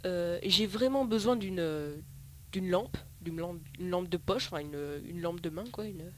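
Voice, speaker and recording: A man's voice: sits high, a little slow, slight background noise. A man giving casual, rambling gameplay commentary, often correcting himself and swearing casually. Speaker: let's play host.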